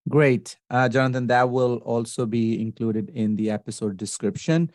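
Male podcast host, relaxed and informal, dry studio audio. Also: medium pitch, moderate pace, dry recording. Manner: easygoing, informal with fillers. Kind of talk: interview hosting.

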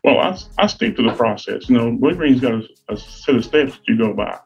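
A man's voice: medium pitch, lively intonation, a little fast, creaky, slightly rough, lo-fi sound, faint music behind. A middle-aged man from Virginia, telling folksy, self-deprecating stories as a podcast co-host. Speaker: guest co-host, sales rep. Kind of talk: casual podcast chat.

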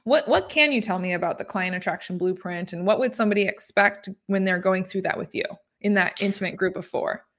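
A woman's voice: mid-range voice, a little fast, hardly any pauses, a bit bright. Woman podcast host, casual chat.

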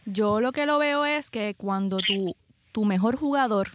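A woman's voice: medium pitch, unhurried, dry recording. A Puerto Rican woman hosting a casual sports chat, emphatic and often repeating her phrases for weight. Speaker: sports podcast host.

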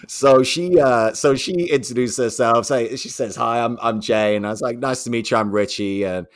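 A man's voice: mid-range voice, moderate pace, dry recording, clean studio sound. A young man telling a story in conversation, acting out the other voices in it. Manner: animated storyteller, acts out quoted voices.

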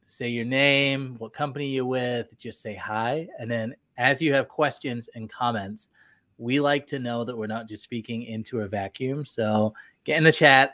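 A man's voice: mid-range voice, bright, forceful tone, no room sound. A man hosting a live recruiting podcast, upbeat and promotional, a bit nasal from a cold. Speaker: podcast host. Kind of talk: live show chat.

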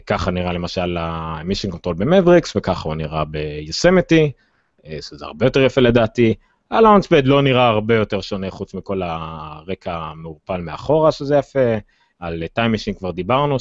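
A man with an Israeli accent hosting a casual tech discussion, speaking haltingly with many filled pauses. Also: lowish voice. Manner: hesitant, halting delivery with frequent filled pauses. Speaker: tech podcast host. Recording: dull, roomy, lo-fi sound.

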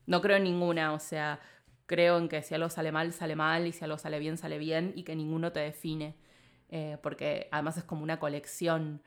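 Low-voiced Argentine woman musing aloud. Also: level tone, a little fast. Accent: Argentine Spanish. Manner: rambling, thinks aloud with many filler phrases. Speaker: interview guest. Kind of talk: casual reflective conversation.

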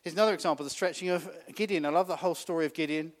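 A man's voice: fairly high pitch, very fast. A man preaching a conversational sermon, often laughing and asking the congregation questions.

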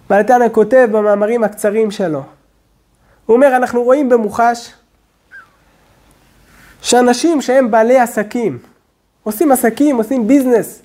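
A male rabbi giving a sermon, speaking slowly and deliberately and often dropping to a low, quiet tone. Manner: slow, deliberate preaching with sudden drops to a low hush.

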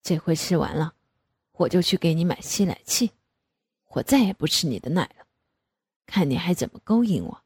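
A woman voicing a bashful, teasing adult father in a low, murmured storybook voice. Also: lively intonation, moderate pace, long pauses, a little mellow, breathy edge, dry recording, clean studio sound.

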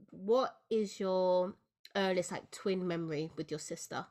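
A woman's voice: fairly low pitch, slow pace, a little mellow. A woman hosting a casual podcast interview, chatty and encouraging. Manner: chatty, encouraging with frequent backchannels. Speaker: podcast host.

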